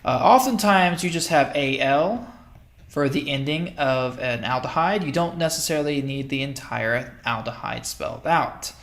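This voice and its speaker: A man walks through a chemistry lesson in an easygoing, unscripted way, pausing to think and fixing his own slips as he goes. His voice sits a little high for a man. The recording carries a noticeable room echo. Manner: relaxed, thinking aloud with fillers and self-corrections. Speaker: chemistry lecturer. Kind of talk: casual recorded lecture over slides. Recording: roomy echo.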